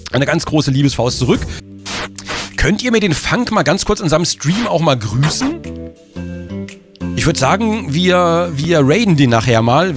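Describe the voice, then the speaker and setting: A man streaming live, joking with his chat in a playful, teasing way. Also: fairly high pitch.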